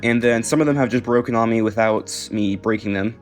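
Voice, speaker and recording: An American video creator casually shows off his collection, narrating in an unscripted, halting way and often letting thoughts trail off. His voice is in a typical male range, with some music playing behind.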